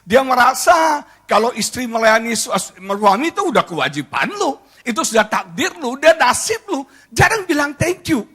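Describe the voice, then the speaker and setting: Man, pastor, humorous sermon, bright, swooping delivery. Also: very high-pitched, normal speed, breathy edge. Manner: joking, animated, addresses the congregation often.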